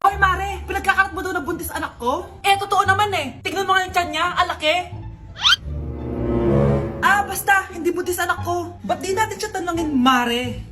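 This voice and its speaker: A woman's voice: extremely high pitch, normal speed, over loud music. A woman bickering in an exaggerated way through comedy skits. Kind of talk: comedic skits, playing mother and daughter.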